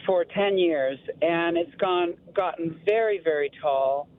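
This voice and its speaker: A man's voice: fairly high pitch, measured pace. A man calling in to a radio show from his car on a crackly speakerphone line full of static, chatty and trailing off mid-sentence. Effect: crackly phone line with static, on car speakerphone. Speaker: caller to a gardening radio show. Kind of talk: casual call-in question. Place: in a moving car. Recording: static-filled tinny phone line.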